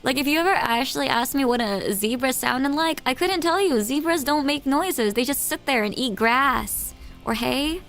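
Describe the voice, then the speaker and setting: Woman, high-pitched, gravelly fry, giggly, rambling, casual stream chat. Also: normal speed, fairly bright tone, faint music behind. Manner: giggly, rambling, self-teasing. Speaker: live-stream host.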